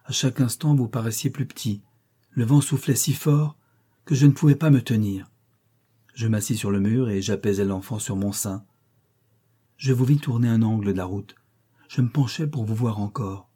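A man voicing an anxious young woman governess in an audiobook reading of a classic novel, measured and solemn. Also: lowish voice, mellow, husky. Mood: troubled.

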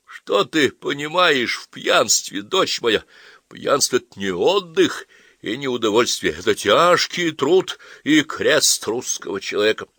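A man reading an audiobook voices a drunken middle-aged father who speaks slowly and pompously, like a sermon. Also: medium pitch, sing-song, sharp tone, no echo, studio quality, voice pushed up, full character voice. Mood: drunk, solemn.

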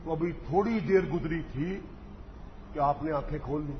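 A man preaching a sermon, mocking and impassioned, acting out the dialogue of his stories. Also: a little high. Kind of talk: sermon with storytelling. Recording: dull lo-fi hall recording with faint noise.

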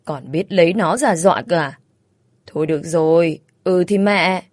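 A brisk older mother-in-law, as a woman reader puts her on, bossy but caring, fussing in a storybook reading. The voice sits low and the sound is dry and close. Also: a little mellow, no echo, lightly acted. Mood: teasing. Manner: bossy, practical, scolding kindly.

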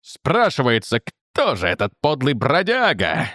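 A man voicing an angry, boastful male guard who shouts and speaks with theatrical scorn. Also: medium pitch, wildly swooping pitch, a little slow, no room sound, studio quality, full character voice.

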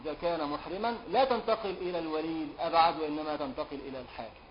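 An Egyptian man, a sheikh giving a classroom lesson on a law text, who chants verses slowly and quizzes his students in colloquial speech. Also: on the high side. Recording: dull lo-fi lecture recording with faint hiss.

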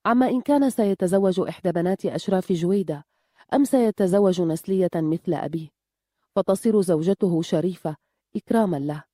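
A woman narrating an audiobook in a calm, measured reading. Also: on the low side, no echo, clean studio sound.

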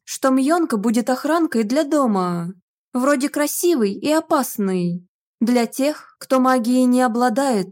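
A woman's voice: high-pitched, pitched above the performer's own voice. A woman playing a pleading young witch student. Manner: pleading, childlike whine.

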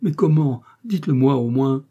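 A man's voice: mid-range voice, expressive, moderate pace, mellow, slightly rough, lo-fi sound, voice pushed up. A man reading an audiobook, voicing a frightened, desperate queen in anguished, exclaiming pleas. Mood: anxious.

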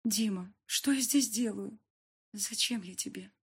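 A woman voicing a defiant, frightened young heroine in an audiobook, with a husky voice and shrill outbursts. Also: brisk. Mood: shaky pleading.

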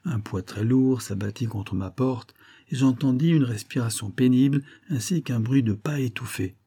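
A man narrating a novel in the first person, steady and measured. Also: medium pitch, husky. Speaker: audiobook narrator.

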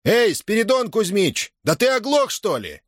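A man's voice: a little high, sing-song, normal speed, no echo, clean studio sound, pitched above the performer's own voice. A man reading a novel aloud, voicing a bullying grown cossack farmer who barks orders. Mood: barking. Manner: mock-tender coaxing turning to barking orders.

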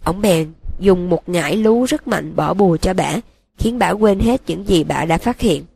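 A woman voicing a broken young male wizard who confesses in a flat, emotionless monotone, in an audiobook reading. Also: fairly low pitch, measured pace, creaky, breathy edge, dry recording, heavily acted.

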